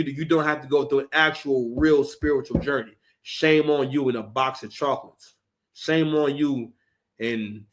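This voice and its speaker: A man with a notably high voice hosts a livestream, ranting through commentary. He swears freely and stumbles over repeated words as he pushes his point. The talk is loose and forceful. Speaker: livestream host and former battle rapper.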